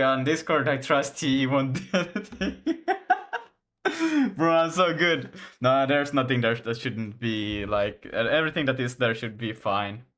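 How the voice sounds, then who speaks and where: A young game developer, a native Swedish speaker with a Finland-Swedish accent, chats casually on a live stream while coding. His medium-pitched voice is bright and forceful, and he rambles loosely, restarts often and laughs a lot.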